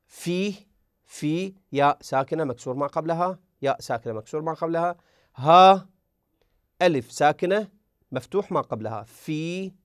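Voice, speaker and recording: A man's voice: on the high side, no echo, studio quality. A man teaching a tajweed lesson who speaks patiently, repeats words and drills the examples aloud. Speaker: Quran recitation teacher.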